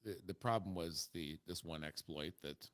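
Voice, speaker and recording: A man's voice: low voice, moderate pace, fairly bright tone. Stammering man explaining crypto. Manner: explanatory, stammers on repeated words. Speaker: podcast co-host. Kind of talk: casual bar banter, explaining crypto.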